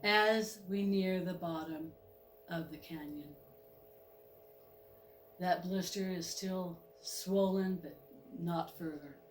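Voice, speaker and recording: Slow, dramatic woman storyteller. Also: lowish voice, echoey room, soft background music. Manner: dramatic, with spoken train sound effects. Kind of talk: dramatic first-person story narration.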